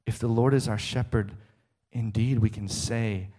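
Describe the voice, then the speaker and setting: A man's voice: lowish voice, fairly even intonation, a little slow, warm tone. Emphatic middle-aged man preaching. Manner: emphatic, rhetorical questions. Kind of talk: sermon.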